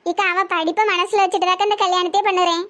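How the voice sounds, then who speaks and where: A woman's voice: very high-pitched, little pitch movement, fast talker, fairly bright tone. Woman doing an insistent Tirunelveli village mother. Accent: Tirunelveli Tamil. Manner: insistent, explaining. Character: determined village mother marrying off her daughter.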